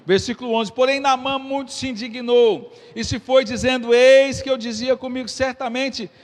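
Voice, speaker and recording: A man's voice: extremely high pitch, fairly even intonation, normal speed. A man with a Brazilian Portuguese accent preaching a sermon, reading scripture and asking the congregation questions as he retells the story. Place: church. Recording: echoey church hall.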